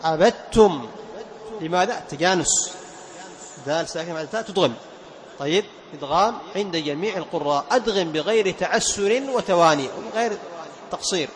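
A man teaching Quran recitation. He quizzes his students, repeats key words, and chants verse examples slowly. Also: on the high side, slight background noise. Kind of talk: lesson.

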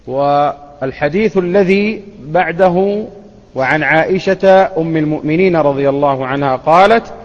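A man giving a religious lesson, explaining a classical text in a measured way, pausing and correcting himself at times. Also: fairly high pitch. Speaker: Islamic scholar teaching hadith. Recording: dull lo-fi sound with long reverb.

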